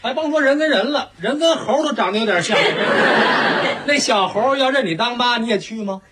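A man's voice: very high-pitched, lively intonation, moderate pace, heavy background noise. An actor playing a sly, sarcastic middle-aged husband in a sitcom, teasing his wife. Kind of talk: sitcom acting.

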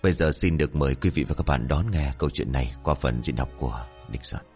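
Deep-voiced expressive male storyteller. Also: fast, faint music behind. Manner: expressive, formal address to listeners. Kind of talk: comic story reading.

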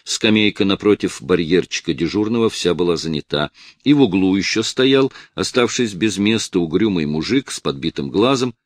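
A man narrating an audiobook with expressive storytelling. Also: deep voice, normal speed, dry recording, clean studio sound. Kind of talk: scripted narration.

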